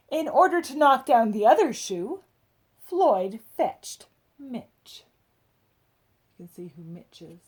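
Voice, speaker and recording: Reading a picture book to children, a high-voiced woman adds dramatic emphasis and chats with her young listeners along the way.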